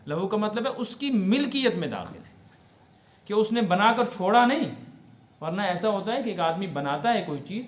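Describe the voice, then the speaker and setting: بلند آواز، گونجتا ہوا کشمیری لہجے والا بزرگ مفتی. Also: male voice, sits high, roomy sound. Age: older. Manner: explanatory, asks the audience questions and repeats Arabic words slowly. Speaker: mufti teaching Quran commentary. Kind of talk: religious lesson.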